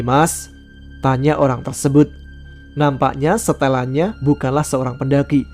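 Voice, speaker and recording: A man narrating a true-life mountain horror story in a steady, even reading voice. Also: mid-range voice. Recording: faint background music.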